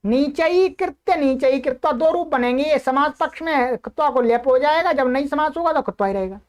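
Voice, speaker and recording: High-pitched woman teaching Sanskrit grammar. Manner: explains step by step, often asks and answers her own questions; reads Sanskrit forms slowly and repeats them. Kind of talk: recorded online lesson.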